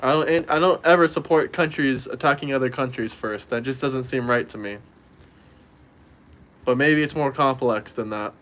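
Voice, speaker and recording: The young Florida-born host has a medium-pitched, fairly bright voice and talks at normal speed. Streaming casually from indoors in Montenegro, he keeps the chat loose, responds to viewers and repeats himself a lot.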